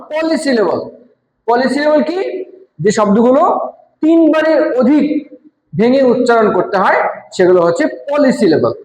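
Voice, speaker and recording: Bangladeshi woman teacher, lively classroom lesson voice, echoey room. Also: fairly high pitch. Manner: says syllable examples slowly and repeats them. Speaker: English grammar teacher. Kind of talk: classroom-style lesson explanation.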